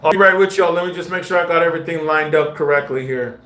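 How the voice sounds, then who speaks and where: A man's voice: a little high, fast talker, fairly bright tone. A man live-streaming casual commentary, talking in slang straight to his viewers. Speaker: livestreamer. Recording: roomy echo with faint music.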